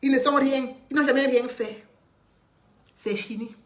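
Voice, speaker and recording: A woman's voice: steady tone, measured pace. Defiant woman. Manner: defiant, repetitive, swings from loud declarations to low muttered threats. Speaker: online commentator. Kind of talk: impassioned live-stream rant.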